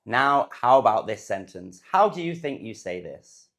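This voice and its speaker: A man with a British accent teaching a phonics lesson, saying words slowly and clearly for learners to repeat after him. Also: mid-range voice, very animated, a bit bright. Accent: British English. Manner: slow, clear, deliberately enunciated words. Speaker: English pronunciation teacher.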